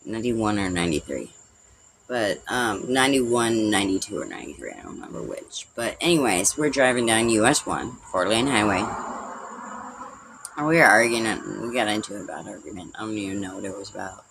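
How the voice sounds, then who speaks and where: A man's voice: lowish voice, lively intonation, a little fast, vocal fry, background noise. A man hosting a livestream, telling a personal story in a rambling, profane way full of "like" and "you know". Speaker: livestream host.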